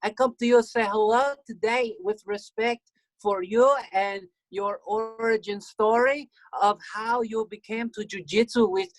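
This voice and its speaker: A man's voice: high voice, measured pace, dry recording, rough recording. A man playing a fawning traveler fan with a put-on foreign accent and broken English, calling in over a video call. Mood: gushing. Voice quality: broken grammar, gushing flattery. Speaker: caller.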